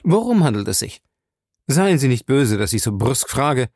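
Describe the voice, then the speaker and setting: A man's voice: lowish voice, expressive, moderate pace, mellow, dry recording. A man reading an audiobook voices an impatient former soldier turned police captain who speaks in a clipped way. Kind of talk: audiobook character voice.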